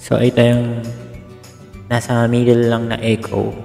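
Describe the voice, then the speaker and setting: A man vlogging a sound card demo, his voice run through a digital echo effect from a condenser mic. He talks casually and loudly, throwing out short test greetings. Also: medium pitch, completely flat delivery, measured pace, vocal fry, faint music behind. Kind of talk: casual tutorial chat. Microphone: condenser microphone through a sound card. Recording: voice fed through a sound card with added reverb.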